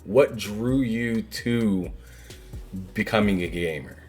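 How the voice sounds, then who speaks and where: A man's voice: on the low side, takes it slowly, darkish tone, faint music behind. A man hosting a casual gaming interview, who praises and encourages his guest. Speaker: podcast host.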